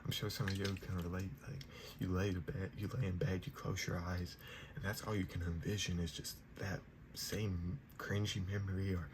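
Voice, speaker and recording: A young man giving a whispered ASMR pep talk in a soft, reassuring manner. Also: low-pitched. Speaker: ASMR creator giving positive affirmations. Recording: noisy, clear background hiss.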